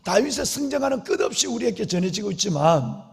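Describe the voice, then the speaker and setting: Middle-aged male pastor, high gravelly voice, fervent preaching to the congregation, long church reverb. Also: sing-song, fast. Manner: impassioned preaching, often calling out to the congregation; acts out prayers and quotes in a dramatic voice. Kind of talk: sermon. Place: large church sanctuary.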